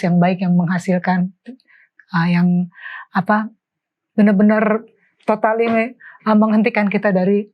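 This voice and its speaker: Woman explaining plainly, dull lo-fi sound. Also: mid-range voice. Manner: explains with homely examples, relaxed. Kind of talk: casual Bible study discussion.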